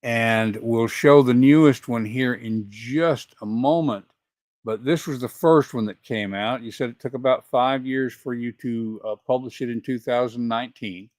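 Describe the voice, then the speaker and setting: An older man with a Southern accent hosts an interview over a video call. His voice sits at a middling pitch and sounds close and dry, without any room echo. He talks conversationally and often thinks aloud as he goes. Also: moderate pace, a little mellow. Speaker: host.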